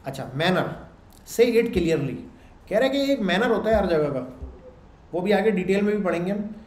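A man teaches a class in a loud, conversational way, often stopping to check that students are following. His voice sits a little high but sounds mellow and dark. The recording carries the echo of a classroom, with faint noise behind him. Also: expressive, moderate pace. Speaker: lecturer. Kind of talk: classroom lecture. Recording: echoey room with faint background noise.

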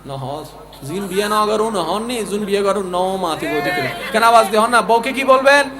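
A man giving a sermon to a large live gathering. He swings between loud exhortation and hushed storytelling, and calls out to the audience for responses. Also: high voice, lively intonation, normal speed, background noise. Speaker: preacher. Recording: live crowd murmur behind.

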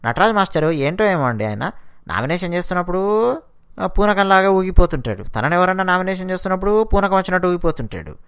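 A man's voice: high-pitched, sing-song, fast talker, a bit bright, clear, resonant tone. Man giving an opinionated show recap. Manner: opinionated, talks straight to viewers. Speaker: show reviewer. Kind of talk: casual recap and commentary.

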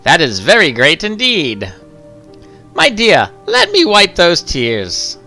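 A man voicing a kindly, fatherly skeleton man in a game let's-play, soft and comforting. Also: high voice, huge pitch swings, takes it slowly, soft background music, full character voice.

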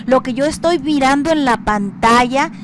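This radio show host has a high voice and speaks at normal speed, with background noise behind her. Interviewing in a conversational way, she gushes effusively, hesitating and repeating herself often.

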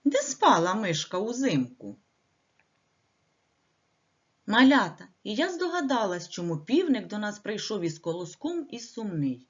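A woman's voice: medium pitch, very animated, moderate pace. Sing-song woman telling a children's tale. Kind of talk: storytelling for small children. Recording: dull lo-fi recording.

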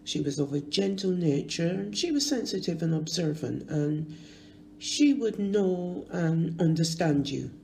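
A woman in her sixties from Barbados reads a tribute at a funeral. Her delivery is unhurried and fond, her voice mellow with a gravelly edge. A faint background hum sits under the recording. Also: on the low side, animated. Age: 60s. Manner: slow, measured, fond reminiscing. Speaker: eulogist.

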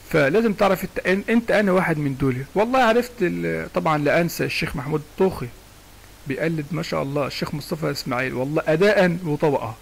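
Egyptian male recitation teacher, gravelly and quick, casual and digressive. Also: a little high, rough recording. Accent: Egyptian Arabic. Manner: chatty, digressive, often asks "understand me?". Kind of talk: casual spoken lesson with sung recitation examples.

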